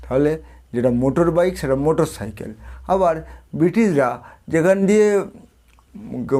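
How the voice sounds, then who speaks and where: A man's voice: a little high, a little mellow. A man from India, a tutor explaining English vocabulary in a spoken lesson, repeating each word pair and asking the viewer questions.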